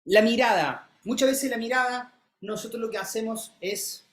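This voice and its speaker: A speaking coach, teaching a live masterclass and calling on students by name, who keeps changing pitch and pace to show what is meant. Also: moderate pace. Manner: demonstrative, shifts pitch and pace to illustrate; coaxing, calls on students by name.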